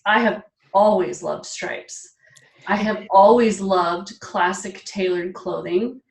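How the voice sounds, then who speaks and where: A woman in her forties, a style expert being interviewed, talking in an animated, emphatic way and laughing often. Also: medium pitch, takes it slowly, creaky, echoey room, recorded from a distance. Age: 40s. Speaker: guest, personal style expert. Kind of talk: casual interview chat.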